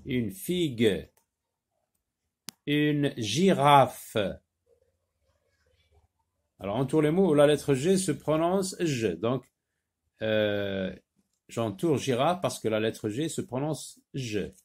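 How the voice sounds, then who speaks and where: A man gives a reading lesson to young children at a very slow, deliberate pace. He stretches out each word and sound for his pupils to copy. His pitch rises and falls in a lively, sing-song way. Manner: slow, drawn-out modelling of sounds and words. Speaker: teacher.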